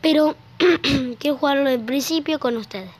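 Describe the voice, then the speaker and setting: Just awake and coughing a bit, a young woman with an Argentine Rosario accent gives casual commentary while gaming, swearing offhandedly. Her high voice moves at a moderate pace; the rough phone-app recording has slight background noise and loud game music.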